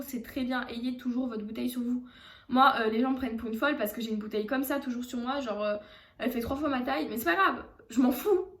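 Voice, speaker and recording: A woman's voice: high voice, fairly bright tone, reverberant. A French woman giving casual fitness advice in a vlog, chatty, with many fillers and restarts. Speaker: fitness coach.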